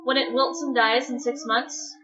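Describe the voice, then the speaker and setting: A woman voicing Hades, a gentle and loving male god of the underworld, speaking low, hushed and even in a dramatic story reading. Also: moderate pace, dull audio, background noise, lightly acted. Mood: calm.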